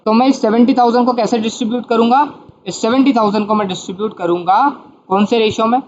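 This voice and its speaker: A man's voice: very high voice, fairly even intonation, fast, a little mellow, muffled recording, a little hiss or hum. A man teaching an accounting lecture in Hindi mixed with read, explaining step by step and asking and answering his own questions. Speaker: commerce teacher.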